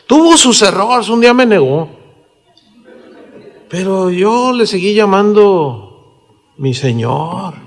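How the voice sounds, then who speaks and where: Tender older biblical mother, played by a Mexican preacher, soft storytelling, high pitch, echoey hall. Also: lively intonation, slow pace, long pauses, heavily acted. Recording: reverberant hall.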